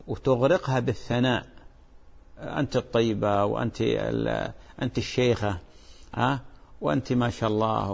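A man with a somewhat low, creaky voice hosts a religious advice show, answering viewers' questions gently and like a father, with frequent blessings.

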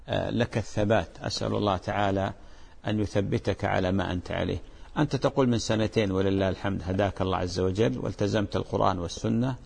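Viewers' questions get gentle, fatherly answers sprinkled with blessings from the host of a religious advice show, a man whose voice is fairly low and gravelly.

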